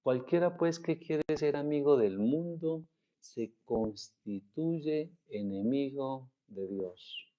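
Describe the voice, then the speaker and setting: A male pastor from Colombia with a Colombian Spanish accent, preaching a sermon slowly and deliberately, drawing out the scripture he quotes. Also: mid-range voice, warm tone, muffled recording, a little hiss or hum.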